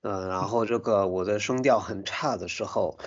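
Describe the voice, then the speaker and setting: A foreign man speaks accented Mandarin as a coach and interviewer in a casual chat. His voice is fairly low and rough-edged, and the sound is a bit dull and lo-fi. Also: moderate pace.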